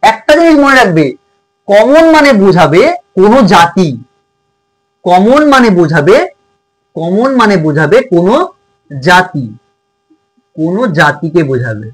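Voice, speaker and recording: A man's voice: high-pitched, rough recording. A man tutor teaching a grammar lesson to schoolchildren, repeating points and checking in often. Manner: repetitive, checks in with "okay?".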